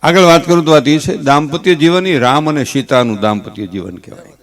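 A man with a Kathiawadi Gujarati accent, a stage comedian mixing folksy, animated stories with earnest advice. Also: a little high, brisk. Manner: folksy, animated storytelling with gestures; earnest advising. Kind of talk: humorous stage talk with advice.

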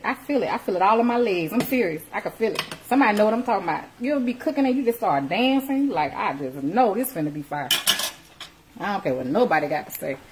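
Woman in her thirties, cooking-show host, playful and lively, phone mic in a home kitchen with faint hiss. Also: a little high, low-quality recording. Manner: lively, playful, churchy exclamations, talks to viewers as y'all. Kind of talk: live cooking stream chat. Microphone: phone camera, moving between close and across the kitchen.

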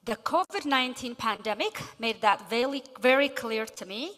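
A middle-aged woman from Ethiopia delivering a prepared speech on stage, measured with emphasis on key words. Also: on the high side, animated, a bit bright. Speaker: guest speaker. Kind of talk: prepared speech read from notes. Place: large convention hall stage. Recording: long reverb of a big hall.

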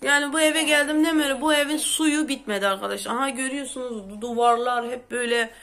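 A woman's voice: high voice, quick pace, fairly bright tone. A woman hosting a casual home vlog, chatty and exclamatory, a bit sick with a sore throat, complaining as she talks. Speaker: vlogger host. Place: at home, indoors.

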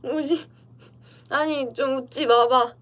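A young adult woman streaming indoors as an idol talks slowly in a high, steady, somewhat bright voice with a Korean dialect. Playful and giggly, she chats with viewers and responds to their comments over a computer livestream mic.

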